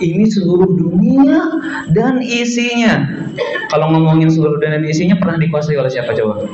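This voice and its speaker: A man's voice: on the high side, fairly quick, a little hiss or hum. Young guy telling a religious story to kids, keeps asking them stuff, echoey hall sound. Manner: asks the audience questions, lively. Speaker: storyteller for children. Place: mosque hall. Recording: echoey, slightly dull mosque recording.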